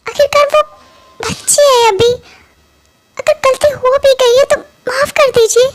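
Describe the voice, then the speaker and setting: A gentle, caring mother who soothes and reasons softly, voiced by a woman. The voice is very high. It is a fan-made audio drama dub. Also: fairly even intonation, a little slow. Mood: coaxing.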